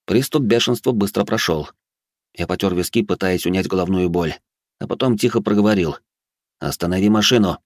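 A man's voice: sits low, brisk, a little mellow, no room sound. A man narrating a gritty first-person audiobook in an intense, dramatic way on a close studio mic.

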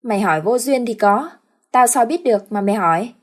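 A woman voicing a calm, frank young master of a wealthy family who speaks tersely and dryly. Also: fairly high pitch, a little fast. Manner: laconic, dry.

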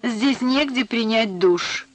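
A man's voice: sits high, unhurried, fairly bright tone, voice pushed up, rough recording. A male narrator voicing a capricious, sulky teenage daughter in an audiobook, whiny and tearful.

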